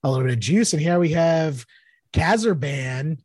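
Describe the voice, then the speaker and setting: Boston-accented man, somewhat high voice. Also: lively intonation, normal speed, a little mellow, slightly rough, no echo, studio quality. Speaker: podcast co-host. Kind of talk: casual banter and card game commentary.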